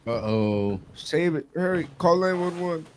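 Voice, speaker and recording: A man's voice: a little high, animated, measured pace, a little mellow, slight background noise. A man co-hosting a casual gaming podcast over an online call, chatty and loose, swearing often. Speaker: podcast co-host.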